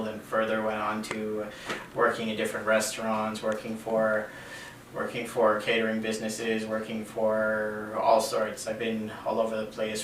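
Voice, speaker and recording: A man, a chef and caterer from Canada, talking casually in an interview, relaxed, with many fillers and repeated phrases. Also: lowish voice. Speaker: interview guest. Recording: roomy, distant from mic, faint noise.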